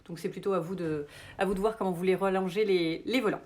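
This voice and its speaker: A woman's voice: mid-range voice, fast talker. Chatty woman teaching sewing, echoey room. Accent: English. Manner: relaxed and chatty, many fillers. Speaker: sewing instructor. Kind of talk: live sewing tutorial.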